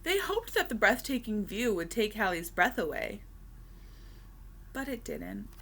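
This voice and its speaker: A woman reading a children's storybook aloud expressively, with deliberate dramatic pauses and emphasis. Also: medium pitch, huge pitch swings, fairly bright tone, slight background noise.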